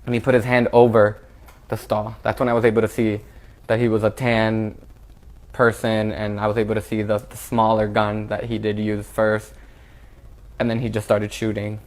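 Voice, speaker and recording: Young man with a flat, halting voice. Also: fairly low pitch. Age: young adult. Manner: halting and flat, with repeated restarts. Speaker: shooting survivor. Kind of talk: recounting a personal ordeal.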